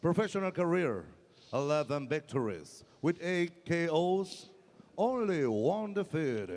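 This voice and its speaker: Male ring announcer, bilingual English, high voice, lucha-libre showmanship, elongated names. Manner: showy, stretches out names and titles.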